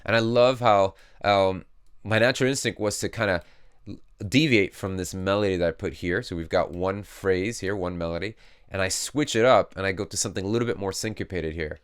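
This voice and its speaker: A man's voice: low-pitched, brisk. A man who is a music producer, talking casually through his process as he works. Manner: relaxed, explains as he works. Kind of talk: casual tutorial talk.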